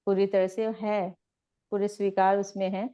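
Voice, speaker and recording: A woman teaching meditation in a gentle, repetitive, instructive way. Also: mid-range voice, flat delivery, moderate pace, smooth. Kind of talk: guided spiritual teaching.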